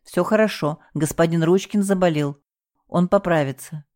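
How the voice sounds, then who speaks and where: A woman's voice: fairly low pitch, moderate pace, a little mellow, close to an everyday voice. A woman voicing a bossy, scheming middle-aged female hotel manager who gives curt, commanding orders. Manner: curt, commanding, falsely soothing.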